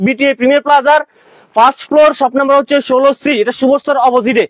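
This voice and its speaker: Fast, high-voiced salesman. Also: fairly even intonation, dry recording, highs cut off. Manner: pushy, repetitive, calls viewers brother. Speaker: shop seller. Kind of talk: live-stream sales pitch.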